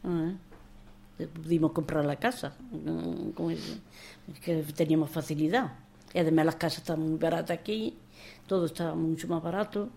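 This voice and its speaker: An older woman guest from Spain, talking in a halting, emotional way, often repeating words. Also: low-pitched, fairly even intonation, creaky, warm tone. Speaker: interview guest, memoir author. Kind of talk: conversational interview.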